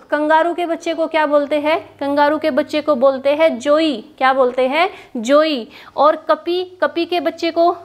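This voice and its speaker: High-voiced woman teaching a drill lesson. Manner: repeats questions and answers for drilling. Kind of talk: classroom lesson. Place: hot room without a fan, standing.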